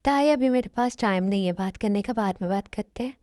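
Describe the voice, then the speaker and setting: A woman's voice: mid-range voice, a little fast, warm tone, no room sound, clean studio sound, lightly acted. A woman voicing a caring young male college student in an amateur dubbed love story, talking in an earnest, soothing way. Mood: curt.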